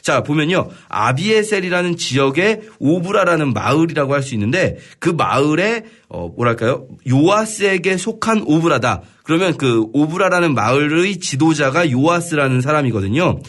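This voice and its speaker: Lively-voiced man teaching the Bible. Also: on the high side. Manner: explains verse by verse, often pausing with "뭐랄까요"; reads scripture aloud, then paraphrases it conversationally. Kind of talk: radio Bible study lecture.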